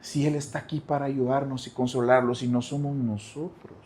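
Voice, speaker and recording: A man pastor preaching a sermon, dropping to soft low asides and rising to loud cries, talking straight to the congregation and repeating phrases. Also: level tone, normal speed, slight background noise.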